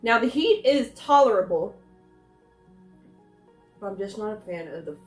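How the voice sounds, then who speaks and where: A woman with a mid-pitched voice gives a casual snack review, rambling and thinking aloud between tastes. The room adds a clear echo to her voice, and music plays faintly behind her. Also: animated, measured pace, a little mellow. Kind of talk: casual chat, food taste test.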